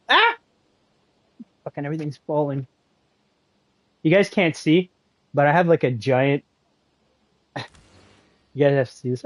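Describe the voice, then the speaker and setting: A man's voice: on the high side, no echo, low-quality recording. Chatty, joking man streaming a game. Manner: rambling, joking and self-mocking. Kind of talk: casual live-stream chat.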